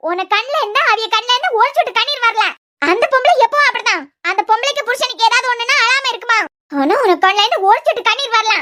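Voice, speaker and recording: A woman's voice: extremely high pitch, sharp tone, heavily acted. A woman voicing quarrelsome young women in a family feud for a cartoon serial, with a Kanyakumari Tamil accent and a heated, reproachful way of arguing. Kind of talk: cartoon dialogue acting.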